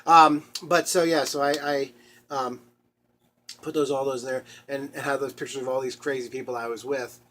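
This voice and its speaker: A man talks on his own podcast, wandering from thought to thought and tripping over his words as he laughs along. His voice sits at an everyday middle pitch. A faint hum runs underneath the recording. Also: little pitch movement, bright, forceful tone. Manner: halting, many restarts and laughs. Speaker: podcast host. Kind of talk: rambling solo podcast talk.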